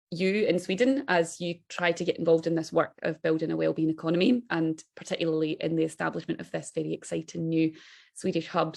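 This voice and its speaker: A woman speaks in a strong, broad Scottish accent. Her voice sits fairly low with a gravelly edge of fry. She presents informally over a video call, chatty and full of enthusiasm. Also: darkish tone. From Scotland. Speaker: guest speaker, interim director of an organisation.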